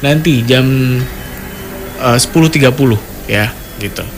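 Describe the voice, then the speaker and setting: Over background music, a man speaks in a mid-range voice at a slightly slow pace. He's the casual, chatty host of a live call-in radio show devoted to horror stories, addressing his listeners directly.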